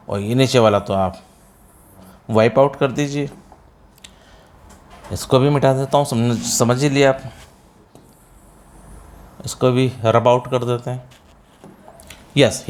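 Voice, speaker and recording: A middle-aged man with an Indian accent, teaching spoken English step by step, calling students "beta" and answering his own questions. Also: medium pitch. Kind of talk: classroom-style spoken English lesson.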